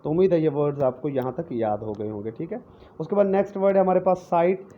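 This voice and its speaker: A man gives a recorded vocabulary lecture, going over each word again and again and checking in with his students often. His voice sits a little high for a man. The recording is dull and lo-fi, with faint noise underneath. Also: lively intonation. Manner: explains words slowly with many repetitions and "theek hai" check-ins. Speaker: English vocabulary teacher.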